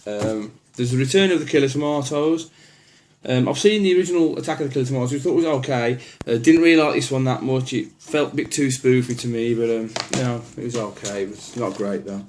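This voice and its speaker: A man's voice: mid-range voice, fast, darkish tone, slight background noise. Guy chatting about his dvd shelf, lots of ums, laid back. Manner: rambling, lots of ums and restarts; easygoing, plainspoken opinions. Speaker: horror film collector. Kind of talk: casual collection walkthrough.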